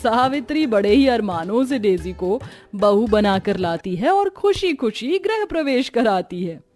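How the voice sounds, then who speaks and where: Slow, measured woman narrator. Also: on the high side, big pitch swings, soft background music. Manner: measured, gently dramatic storytelling. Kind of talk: scripted storybook narration.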